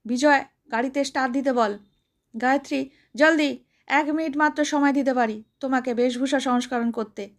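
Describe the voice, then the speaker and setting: Here the storyteller's stout, bossy old woman sounds mocking as she orders folks around at a moderate pace. Her voice is high and her tongue sharp, and her homely, colloquial scolding carries a rough kind of affection.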